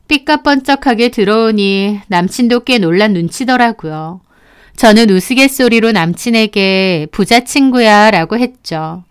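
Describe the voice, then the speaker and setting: A woman narrating a first-person story in an even, storytelling delivery. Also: medium pitch, smooth.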